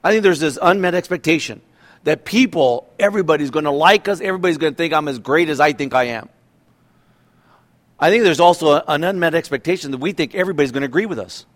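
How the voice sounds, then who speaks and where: A man's voice: fairly high pitch, lively intonation, quick pace. A pastor in his fifties giving a conversational sermon, asking rhetorical questions and often restarting his sentences. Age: 50s.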